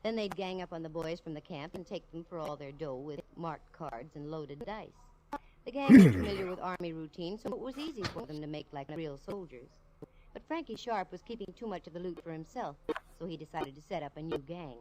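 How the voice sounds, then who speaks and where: A woman with a deep voice and lively intonation talks a little fast as a wisecracking private detective. She narrates in a breezy, slangy 1950s radio-drama style, heard through a noisy old radio recording.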